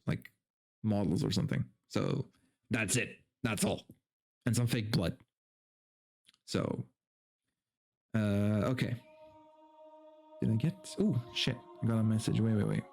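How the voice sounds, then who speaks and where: Game music plays behind a man whose voice is gravelly and on the low side. He streams in a loose, rambling, foul-mouthed chatty style and reads a story aloud dramatically.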